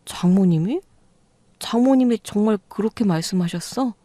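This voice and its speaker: A woman's voice: medium pitch, moderate pace, warm tone, no room sound, studio quality, lightly acted. A woman narrator voicing a clueless, defensive husband who pleads that he meant well, in a storytelling radio reading.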